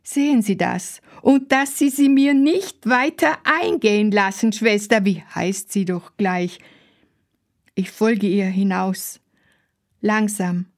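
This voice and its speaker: A woman reading a first-person literary text as a fussy, proud elderly lady in a care home who repeats herself insistently. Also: mid-range voice. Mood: fretful. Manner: repetitive, insistent, slow.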